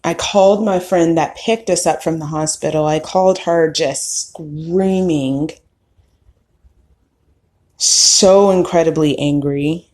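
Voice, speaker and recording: A woman in her thirties speaks slowly and thoughtfully, her voice sitting a little low. She tells a personal story in an unhurried, candid podcast monologue. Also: fairly even intonation. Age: 30s. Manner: slow, reflective, candid with occasional soft laughs. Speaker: podcast host.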